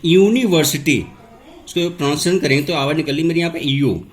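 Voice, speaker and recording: Male grammar teacher, slightly high voice, quizzes the class and answers himself. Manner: asks questions and answers them himself; repeats key words slowly. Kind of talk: classroom lesson, step-by-step explanation.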